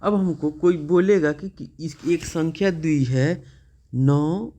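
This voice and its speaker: A man's voice: on the high side, slow, dark tone. Patient male math teacher. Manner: patient, repetitive questioning, frequent "okay" checks. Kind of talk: classroom math lesson.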